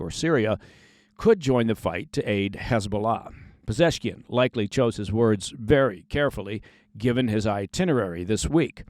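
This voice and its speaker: A man's voice: mid-range voice, darkish tone, no room sound, studio quality. A man hosting a daily news podcast, reading scripted commentary with sarcastic asides.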